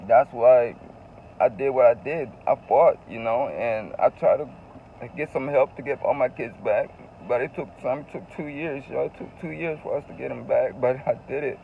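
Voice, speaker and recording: A man's voice: mid-range voice, normal speed, vocal fry, phone-quality sound, slight background noise. A man telling a personal story in a casual, confessional vlog, earnest and emotional, often repeating phrases for emphasis. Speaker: vlogger.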